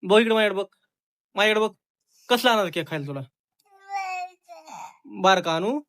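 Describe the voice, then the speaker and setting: A father vlogging at home, talking softly and soothingly to comfort his crying young daughter. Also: high voice, expressive, normal speed. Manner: soothing, coaxing a crying child. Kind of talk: casual family vlog.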